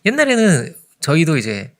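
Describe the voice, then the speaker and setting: A man preaching an early morning sermon in a conversational way, often checking in with the congregation and swinging between loud emphasis and hushed asides. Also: on the high side, huge pitch swings, moderate pace. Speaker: pastor.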